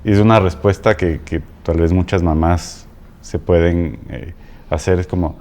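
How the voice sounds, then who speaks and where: A man guest coach talking in a halting way, repeating words and checking in with "¿no?". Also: low-pitched, darkish tone. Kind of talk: casual conversation.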